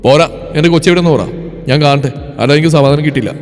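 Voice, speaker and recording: A man's voice: on the high side, fast, lightly acted. A man voicing a hot-tempered young husband. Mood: angry. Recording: reverberant with background music.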